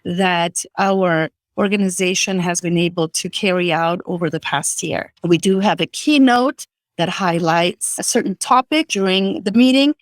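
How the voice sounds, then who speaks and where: In a virtual interview, an Italian middle-aged woman speaking in a mid-range voice with an Italian accent earnestly describes what her organization does. Her explanations come with frequent restarts, and the sound is dry.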